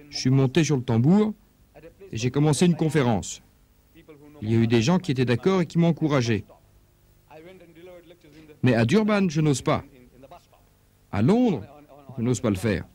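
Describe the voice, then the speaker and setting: This dubbed religious lecture features a man preaching with emphasis, his pitch swinging up and down as he asks rhetorical questions. His tone is dark.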